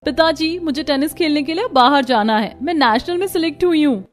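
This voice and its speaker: A woman's voice: high voice, fairly quick, natural voice. A woman voicing a spirited, headstrong young daughter in a cartoon, eager and pleading. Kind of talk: cartoon voice acting.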